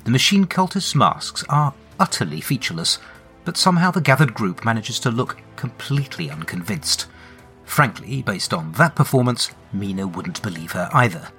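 A man's voice: medium pitch, very animated, moderate pace, pushed and bright, soft background music. A man narrating his own tabletop adventure with wry, dramatic storytelling. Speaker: game master and narrator. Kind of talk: solo tabletop role-play narration.

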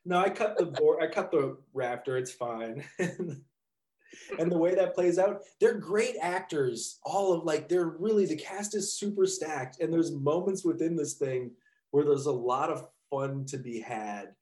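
A man's voice: fairly high pitch, a little slow, a little mellow. A man co-hosting a casual chat about a movie, rambling and laughing often, swearing casually. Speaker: podcast co-host. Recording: echoey room.

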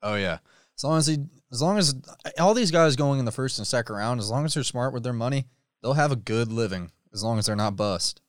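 A man's voice: medium pitch, expressive, fairly quick, no echo, studio quality. A laid-back man co-hosting a casual sports talk show, agreeable and informative.

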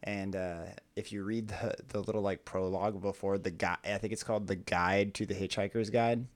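On a laid-back podcast, a teacher co-hosts in a low-leaning voice at a slightly fast pace. He chats casually, laughing often while telling lively stories.

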